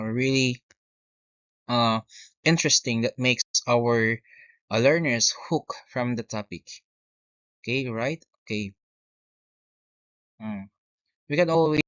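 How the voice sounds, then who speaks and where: A man's voice: medium pitch, fairly bright tone, dry recording. Male teacher, tutorial voice, dry lo-fi recording, filler-heavy and self-correcting. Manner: step-by-step, frequent "okay" and "uh" fillers, self-corrections. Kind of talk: screen-recorded software tutorial. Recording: dry, dull lo-fi mic.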